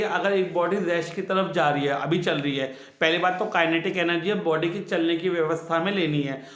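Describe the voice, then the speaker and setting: Male physics tutor, fairly high voice, on terms, quizzing and repeating answers, echoey room. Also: fairly bright tone. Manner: repeats each key answer twice, asks the students questions. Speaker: science teacher. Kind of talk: classroom physics lesson.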